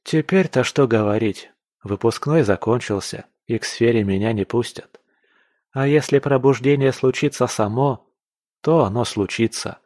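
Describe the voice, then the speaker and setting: A sober, wry young man speaks calmly and evenly, as a male audiobook reader voices him. His pitch sits mid-range. The sound is dry and close-miked. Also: no room sound, close to an everyday voice. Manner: calm, measured, wry. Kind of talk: audiobook character voice.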